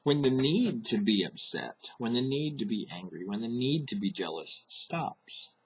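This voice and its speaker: Husky man talking things through. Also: medium pitch, very animated, measured pace, a bit bright. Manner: conversational, thinking aloud with frequent fillers. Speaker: host. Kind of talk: casual monologue on emotions.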